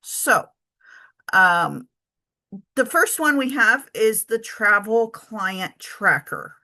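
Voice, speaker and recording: A woman talks through a spreadsheet in a relaxed tutorial, taking her time and filling pauses with ums. Her voice is bright and forward, and she corrects herself as she goes, like someone thinking out loud. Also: mid-range voice. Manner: chatty, thinks aloud with many ums and self-corrections. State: has the hiccups. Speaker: travel business owner teaching spreadsheets. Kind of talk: casual screen-share tutorial.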